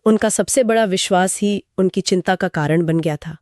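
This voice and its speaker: A woman's voice: lowish voice, normal speed, a little mellow, dry recording, clean studio sound. A woman co-hosting a conversational retelling of scripture, asking prompting questions and summarizing. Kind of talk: conversational storytelling discussion.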